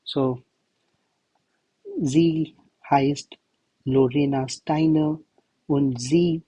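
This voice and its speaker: A man tutoring German in a slow, think-aloud walkthrough, who is not a native speaker of German. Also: fairly high pitch, steady tone, mellow, husky, dry recording, low-quality recording. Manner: slow, thinking aloud while writing answers. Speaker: language tutor. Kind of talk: self-study lesson walkthrough.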